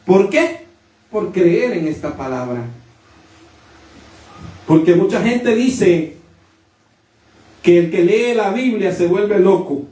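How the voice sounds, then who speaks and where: Male preacher, high-pitched, storytelling sermon style, distant mic in a roomy church. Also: darkish tone. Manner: storytelling, with rising emphatic declarations. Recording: echoey room from a distant mic.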